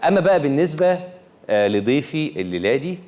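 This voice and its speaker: A man with an Egyptian Arabic accent, hosting a comedy show and joking to a studio audience in quick bursts with many restarts. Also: a little high, big pitch swings, a little mellow. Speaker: show host introducing a guest. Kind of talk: comic monologue to a studio audience.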